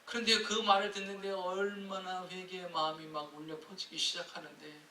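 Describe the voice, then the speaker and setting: A male pastor preaching a sermon, telling a story in a lively way and acting out the people in it, heard in an echoey church hall from a distance. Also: high voice, normal speed, a little hiss or hum.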